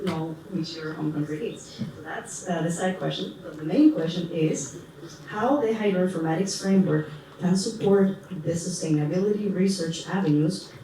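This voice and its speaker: A woman's voice: lowish voice, mellow. A woman moderating a panel discussion, asking questions hesitantly with many fillers. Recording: echoey hall, distant mic, background noise.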